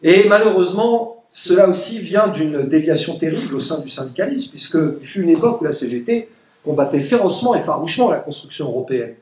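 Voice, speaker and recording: Fairly quick and with lively intonation, this Egyptian man's voice is fairly high yet darkish in tone. He ridicules opponents during a political speech at a public meeting, sarcastic and emphatic, quoting them in mocking voices as the room echoes.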